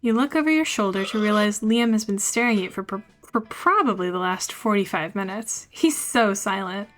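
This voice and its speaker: A woman's voice: mid-range voice, expressive, normal speed, a bit bright, soft background music. A woman streamer reading a dating game's text aloud, with wry, sarcastic asides.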